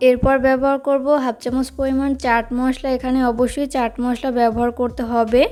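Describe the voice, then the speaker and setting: Fast, flat-voiced woman cooking host. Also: sits high, faint music behind. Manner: steady instructive step-by-step delivery. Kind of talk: recipe voice-over narration.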